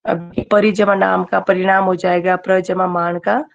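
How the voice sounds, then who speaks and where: A woman's voice: lowish voice, flat delivery, unhurried, gravelly, highs cut off, soft background music. A woman teacher giving an online grammar class. She keeps quizzing her students and checks in with "okay" as she goes.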